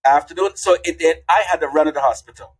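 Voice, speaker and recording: Here an older man from Guyana is an animated, folksy storyteller appearing as a podcast guest in casual interview style. His husky voice sits a little high and moves fast.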